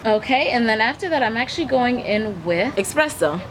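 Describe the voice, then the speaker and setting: A young woman with a higher voice and lively intonation speaks at a moderate pace, chatting to camera as a beauty vlogger. Outdoors in a leafy backyard, she explains her makeup step by step while applying it, over noisy ambient sound and traffic hum.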